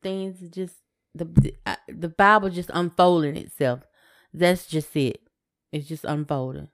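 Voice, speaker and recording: Speaking casually and simply as a podcast co-host, this woman has a deep voice with a steady tone. She is unhurried and tends to repeat brief phrases.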